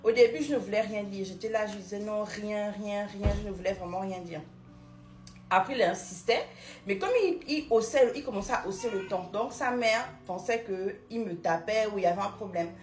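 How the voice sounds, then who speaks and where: A woman's voice: medium pitch, normal speed, a little hiss or hum. A young woman with a Cameroonian French accent, casually recounting her own experience, repeating words and restarting often. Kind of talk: casual personal testimony. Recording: roomy echoing room sound.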